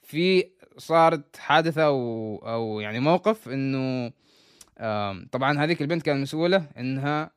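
A man's voice: medium pitch, clear, resonant tone, dry recording, clean studio sound. A man telling a story in a casual, chatty way, restarting sentences and dropping English words in.

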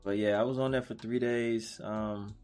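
A man's voice: lowish voice, fairly even intonation, normal speed, soft background music. A man hosting a podcast, chatting casually with a guest in an upbeat, affirming, slangy way. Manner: hype, affirming, slangy, laughs loudly. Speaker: podcast host. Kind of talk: casual interview chat.

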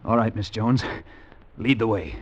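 An actor playing a confident young American adventurer from Virginia who talks in a wry, easygoing way. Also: male voice, fairly low pitch, unhurried, highs cut off, over loud music, close to an everyday voice.

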